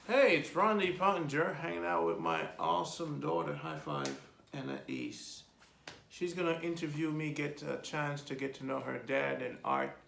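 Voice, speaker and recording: A man in his fifties with a Jamaican accent, telling his life story in a relaxed, rambling interview with many ums. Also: a little high, moderate pace, creaky, a little hiss or hum. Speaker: host being interviewed by his daughter. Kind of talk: casual personal interview. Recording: echoey room.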